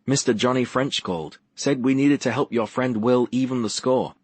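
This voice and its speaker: A man's voice: medium pitch, moderate pace, darkish tone, slightly rough, dry recording, pitched above the performer's own voice, lightly acted. A man voicing a menacing casino heavy who talks in blunt threats, in an audiobook. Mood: amused.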